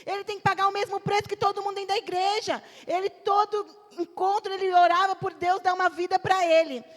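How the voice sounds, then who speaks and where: A woman pastor delivers an emphatic, animated sermon in a high voice. She tells stories and acts out the people in them. Her voice rings out with a long reverb through a church hall. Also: brisk. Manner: emphatic, animated storytelling with acted quotes.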